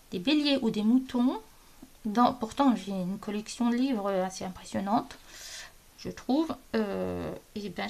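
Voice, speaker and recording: A woman's voice: mid-range voice, gravelly, darkish tone. A woman from France chatting casually about her coloured pages as a hobby vlogger, hesitant and often searching for words.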